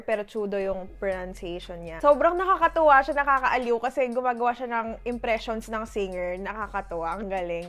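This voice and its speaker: Woman, young adult, Filipino accent, high voice, chatty vlog talk. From Philippines. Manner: chatty, playful, self-deprecating. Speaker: YouTuber. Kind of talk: casual vlog talk, Taglish.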